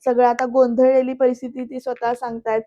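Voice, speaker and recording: Chatty high-voiced woman recapping a serial. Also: completely flat delivery, a little fast, dark tone, muffled recording, slight background noise. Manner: chatty retelling that addresses the viewers. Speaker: serial reviewer. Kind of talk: voice-over episode recap.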